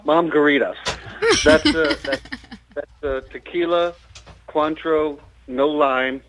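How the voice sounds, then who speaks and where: A man calling in on speakerphone, his voice muffled as if underwater, talking casually with halting fillers and restarts. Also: fairly high pitch, animated, vocal fry, fairly bright tone. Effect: muffled, underwater-sounding phone call on speakerphone. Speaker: phone-in caller. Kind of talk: casual chat. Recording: muffled lo-fi phone line with faint hiss.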